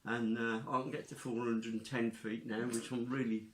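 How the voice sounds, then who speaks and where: A man's voice: medium pitch, little pitch movement, normal speed, echoey room. A man vlogging in a casual, chatty way, with dry, joking humour. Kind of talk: casual chat and outdoor walk-along commentary.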